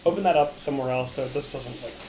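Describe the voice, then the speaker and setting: A man's voice: mid-range voice, darkish tone. A man hosting a podcast, bantering casually and bluntly. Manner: blunt and swearing, quick to cut others off. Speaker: podcast host. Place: room shared with several people. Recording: roomy echo with faint noise.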